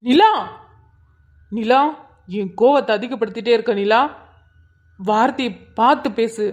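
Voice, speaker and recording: Give me a woman playing a hot-tempered young husband in a cartoon drama, scolding and sharp. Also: fairly high pitch, a little slow, close to an everyday voice. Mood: angry. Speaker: cartoon character voice.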